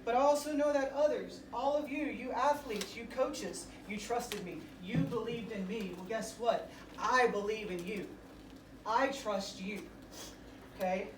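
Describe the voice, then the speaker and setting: A middle-aged woman giving a motivational speech to a team, speaking in emphatic, short, repeated phrases. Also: a little high. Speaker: motivational pregame speaker to a high school football team. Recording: roomy echo, distant mic, faint noise.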